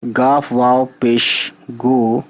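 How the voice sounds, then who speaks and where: A man's voice: medium pitch, little pitch movement. A man teaching an Urdu reading lesson, patiently spelling out letters and checking in with his learners. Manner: patient, spells letters out slowly, often asks "right?".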